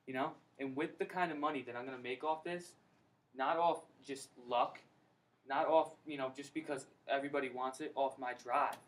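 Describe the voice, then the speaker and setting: A young man giving an energetic, slangy personal testimony at a recruiting meeting in a college room. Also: medium pitch. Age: young adult. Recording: distant mic, faint background noise.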